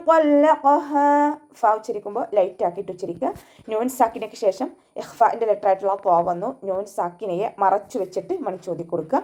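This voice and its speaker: A woman teaching Quran recitation step by step, chanting the verses in a high melodic tone between patient explanations. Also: mellow. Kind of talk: tajweed lesson, recitation and explanation.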